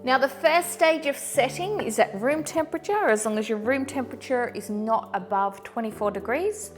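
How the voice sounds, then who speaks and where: A middle-aged woman hosting a cooking demonstration, giving clear step-by-step instructions in an upbeat manner. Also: sits high, lively intonation, moderate pace, faint music behind. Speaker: chocolatier host.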